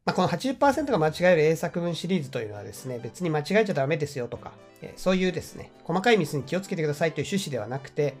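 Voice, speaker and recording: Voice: mid-range voice, sing-song, rapid-fire, few pauses, a little mellow, soft background music. An English teacher with a Japanese accent, explaining grammar points in a friendly, encouraging way.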